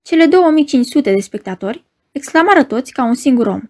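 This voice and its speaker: A woman reads a novel aloud in a measured, expressive narration. Her voice sits a little high, and she paces the story steadily as an audiobook reader.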